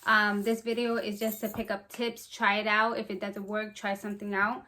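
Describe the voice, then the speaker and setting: A young woman who runs a small business, talking casually to camera in an upbeat, fast, slightly breathless way. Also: mid-range voice, flat delivery, bright, forceful tone. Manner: chatty and upbeat, talks fast. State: a bit out of breath. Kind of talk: casual vlog talk to camera.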